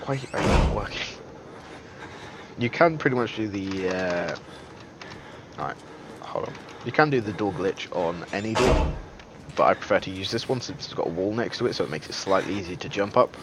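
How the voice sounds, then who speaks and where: A man's voice: sits low, animated, brisk, heavy background noise. A man giving casual, joking gameplay commentary as a streamer, chatty and self-deprecating with lots of fillers. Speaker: game streamer.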